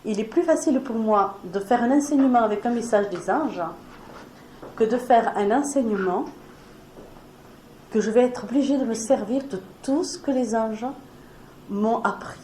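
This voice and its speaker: A woman's voice: on the high side, moderate pace, pauses often, dark tone. A woman with an accent in French, leading an earnest spiritual talk before a small audience and speaking in a conversational way with fillers. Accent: foreign accent in French. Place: meeting room before an audience. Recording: echoey room with faint noise.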